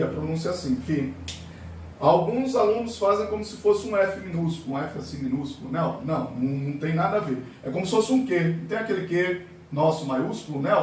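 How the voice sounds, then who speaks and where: A man's voice: fairly high pitch, darkish tone, slight background noise. A male physics teacher giving a classroom lecture, asking questions and answering them himself, sometimes voicing students' objections. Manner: asks and answers his own questions, voices students' objections. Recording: very echoey room, voice far from mic.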